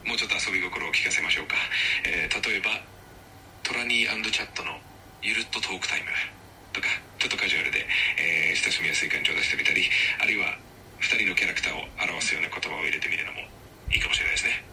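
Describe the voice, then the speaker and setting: A male text-to-speech AI assistant voice that talks politely and earnestly, sounding formal even when attempting a put-on Kansai dialect. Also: low voice, fast talker, gravelly, distant mic, a little hiss or hum, low-quality recording. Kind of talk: polite scripted assistant chat.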